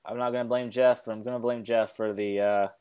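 A man of middle pitch co-hosting a relaxed movie podcast. He jokes and teases his co-host. He rambles, often restarting his sentences. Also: fairly quick, smooth. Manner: joking, teasing, rambling with restarts. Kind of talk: casual movie-review podcast chat.

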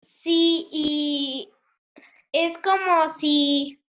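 A woman speaking slowly and gently in class, searching for her words. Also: sits high, steady tone. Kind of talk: describing a poem in class. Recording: dull lo-fi sound.

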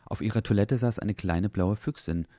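Deep-voiced man reading a children's story. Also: normal speed, mellow, no echo, studio quality. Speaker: narrator.

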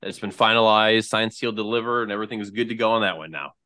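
A man's voice: fairly low pitch, fairly even intonation, fast, bright, forceful tone. A man sharing trade news as a podcast guest, chatty and rambling, with lots of fillers and restarts. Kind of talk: casual podcast chat.

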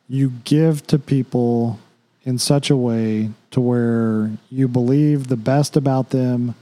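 Mellow-voiced man in casual faith talk. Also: medium pitch. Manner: conversational, many fillers and "you know".

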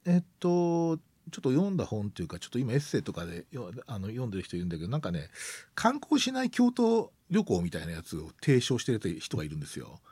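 A middle-aged man hosts a relaxed talk, speaking fast and breaking often into laughter. His voice rises and falls freely and has a husky edge, set in a dry, close sound. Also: mid-range voice, dry recording. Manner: lively, laughs often, many fillers. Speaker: host. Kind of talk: casual conversational interview. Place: Tokyo.

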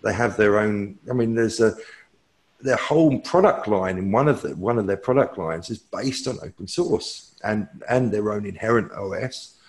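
A man's voice: fairly low pitch, normal speed. Rambling, opinionated tech pundit man. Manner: rambling, self-correcting, opinionated. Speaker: technology expert guest. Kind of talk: answering viewer questions.

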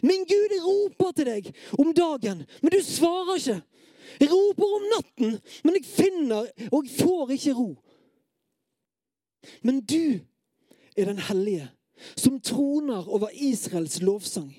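A preacher giving a sermon who talks straight to the listeners with hesitant fillers, then reads scripture with dramatic, at times loud and pleading intensity. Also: high-pitched, big pitch swings, no room sound, clean studio sound. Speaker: preacher at a worship gathering.

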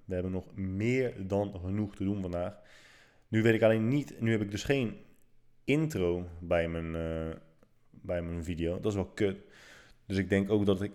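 Thirties male streamer, lowish voice, loose chatty delivery, curses and self-deprecating humor. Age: 30s. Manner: animated, swearing, self-mocking. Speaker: livestream host. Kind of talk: casual storytelling monologue.

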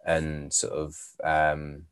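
A man with a very low voice talks easily in a podcast conversation. He gives relaxed, matter-of-fact advice and keeps his answers short. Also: very slow, clear, resonant tone. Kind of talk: casual chat.

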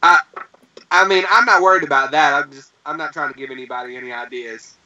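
A man with a slightly high, bright voice tells a story with excitement and acts out every voice in it. The recording sounds dull and lo-fi. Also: quick pace. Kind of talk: animated storytelling.

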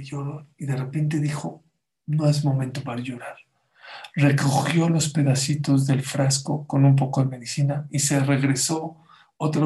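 A man who gives a religious lesson and tells stories with animated, emphatic repetition. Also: a little high. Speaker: religious teacher. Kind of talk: Torah lesson storytelling.

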